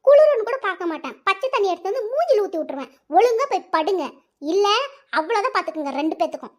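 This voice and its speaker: A strict cartoon mother , voiced by a woman, scolds her bickering children with threats. Her voice is pitched very high. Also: expressive, fast talker. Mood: scolding. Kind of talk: cartoon voice acting.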